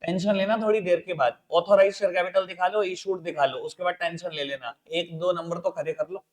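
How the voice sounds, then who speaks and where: A high-pitched man with an Indian accent teaches accounts, calling his students beta and babu as he coaxes them along. He dictates each entry slowly and repeats key points. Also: fairly even intonation. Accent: Indian English mixed into Hindi. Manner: addresses students as beta and babu, coaxing and repetitive; dictates slowly, spelling out entries. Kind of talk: classroom lecture.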